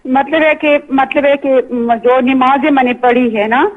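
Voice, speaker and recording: A man's voice: very high-pitched, fairly even intonation. A man calling into a radio show over a phone line, asking his question hesitantly with many fillers and restarts. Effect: phone caller heard over the radio line. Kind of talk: call-in question.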